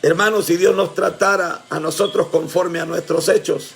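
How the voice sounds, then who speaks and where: Man, preacher, sermon, high voice, gravelly, fervent, shouts often, faint music behind. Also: fairly even intonation, normal speed. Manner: fervent, often shouting, addressing the congregation as brothers.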